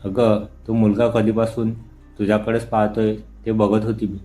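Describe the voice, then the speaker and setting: A man reading the lines of a cheerful young woman in an audio story, in his own plain, even voice. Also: on the low side, normal speed, soft background music, close to an everyday voice.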